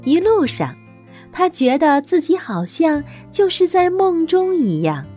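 A woman telling a bedtime story to children in a gentle, soothing, motherly way. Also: extremely high pitch, very animated, measured pace, soft background music.

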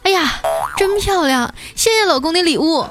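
A woman's voice: a little high, big pitch swings, a little fast. A woman voicing a vain, fussy middle-aged mother who teases and complains, in a comic story podcast with music behind. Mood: coquettish.

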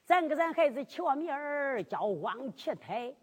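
A woman voicing a fussy old peasant wife in a drum-ballad story, speaking low and coaxing. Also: very animated, normal speed, big-room sound.

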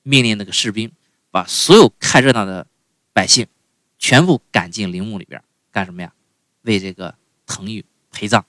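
A man's voice: fairly low pitch, moderate pace, fairly bright tone, no room sound. A man telling a comic folk story in a chatty way, often asking the listeners "right?" and tossing in interjections. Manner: chatty, lots of "哎" and "对吧" asides.

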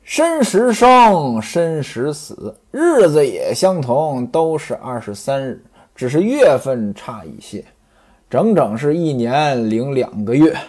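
A man's voice: mid-range voice, sing-song, slow, darkish tone, husky, voice pushed down, exaggerated voice. Man doing a knowing, gossipy concubine. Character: sharp-tongued gossiping concubine, woman.

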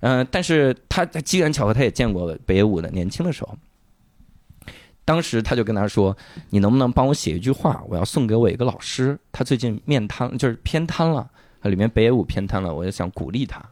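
A man casually retelling a drama's plot on a chat show, acting out the characters' lines and bursting into loud swearing at the emotional moments. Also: mid-range voice, fairly quick, dry recording. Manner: animated storytelling, acts out lines with loud swearing outbursts. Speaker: podcast co-host.

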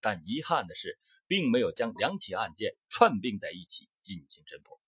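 A man reading a scripted true-crime account in a measured storytelling cadence that rises for emphasis. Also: on the low side, big pitch swings, fairly bright tone, slightly rough, no echo. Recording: dull close-miked dry audio.

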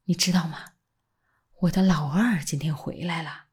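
A woman voicing an old male scholar with a husky voice, speaking low and hushed, almost whispering, then rising into fierce passion. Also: fairly even intonation, moderate pace.

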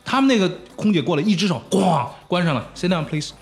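A man hosting a casual football chat, telling stories in an animated way with laughing asides. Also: sits high, fast, soft background music.

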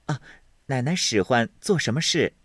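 A man voicing a quick, clever young maidservant, eager and deferential in a storybook reading. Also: medium pitch, animated, fairly bright tone, husky, no echo, studio quality, voice pushed up.

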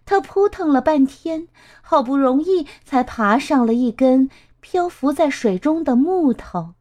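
A woman reading a children's story aloud, slow and expressive in a sing-song way. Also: high-pitched.

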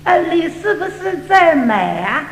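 A man voicing a middle-aged woman with a Cantonese accent, speaking in slow, drawn-out words. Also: very high voice, big pitch swings, voice pushed up, exaggerated voice. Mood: earnest. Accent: Cantonese-accented Mandarin. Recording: reverberant hall, faint hiss.

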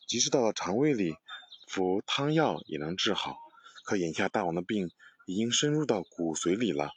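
A man's voice: deep voice, husky, no echo. A man reading an earnest ancient physician. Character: grave male ancient physician, earnest warning.

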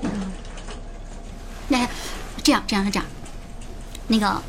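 A woman voicing an excitable, quick-tempered colleague in a fan audio drama. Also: mid-range voice, a little hiss or hum, lightly acted. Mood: exasperated.

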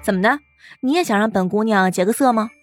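A man voicing a fierce, sharp-tongued young woman fighter who talks down to thugs with scorn. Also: high-pitched, fast talker, soft background music, pitched above the performer's own voice, close to an everyday voice. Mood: scornful. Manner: scornful, bossy.

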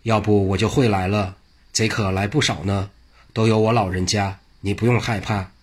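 A man's voice: lowish voice, steady tone, moderate pace, slightly rough. A man voicing an eccentric, mischievous old male monk who talks in a brash, teasing way in a storybook reading.

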